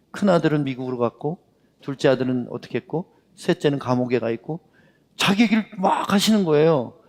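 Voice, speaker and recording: Male preacher, fairly high voice, lively storytelling, long hall reverb. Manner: lively storytelling that acts out the dialogue. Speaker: pastor. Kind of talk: sermon with storytelling. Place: worship hall.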